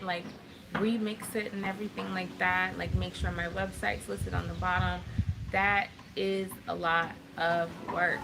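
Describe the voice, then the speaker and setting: A woman's voice: mid-range voice, creaky. A woman born in America to Trinidadian parents, talking earnestly to her viewers from an outdoor balcony at dusk. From United States, Trinidadian parents. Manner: chatty, earnest, addresses viewers as y'all. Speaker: vlogger and workshop host. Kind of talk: casual motivational vlog. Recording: outdoor phone video with loud ambient noise. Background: birds chirping and kids playing.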